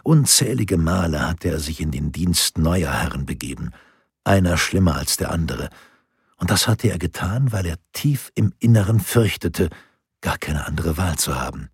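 A man reads an audiobook in a measured, even manner. His voice is low and strongly husky, almost breathy. The recording is close and dry with no room sound. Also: no echo. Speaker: narrator. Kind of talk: audiobook narration.

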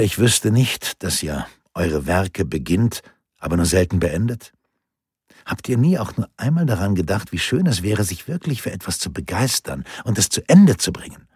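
A man's voice: low-pitched, darkish tone, slightly rough, no echo, clean studio sound, heavily acted. A man voicing a persuasive Renaissance ruler urging a friend, in a pleading, earnest way.

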